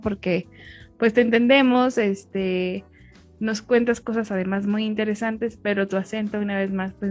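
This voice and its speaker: Woman, radio host, mid-pitched voice, faint music in the background. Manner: friendly, uses fillers like "este". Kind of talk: radio talk show hosting.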